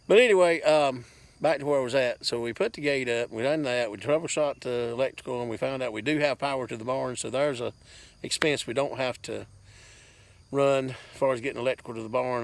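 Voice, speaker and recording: His mid-range voice is gravelly yet fairly bright. A farm vlogger outdoors on his farm, he speaks into a handheld camera and gives viewers a casual, rambling update in a plainspoken, folksy manner.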